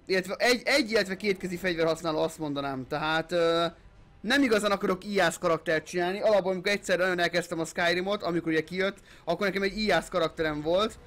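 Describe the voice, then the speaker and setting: A young gaming channel host narrates his let's play in a high voice, excitably hyping himself up and swearing. He mixes in English gamer phrases and shouts loudly during fights.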